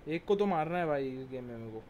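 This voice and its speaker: A man's voice: medium pitch, animated, fast, muffled recording, very noisy. A man streaming a shooter game and bantering casually with his friends, teasing and joking as he plays. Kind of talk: casual gaming chat.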